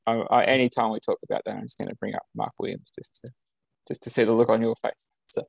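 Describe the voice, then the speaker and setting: Talking fast in a mid-range, creaky voice with a level tone, an Australian podcast co-host chats casually over a video call setup. There's no echo, and his easygoing delivery is full of ums, uhs and chuckles.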